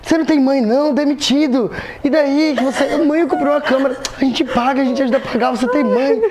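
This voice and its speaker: A young man acting out an exasperated mother who scolds her son loudly, his voice pitched well above his own. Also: fast talker, lightly acted. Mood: scolding. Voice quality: loud, shouting. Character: exasperated scolding mother, middle-aged woman.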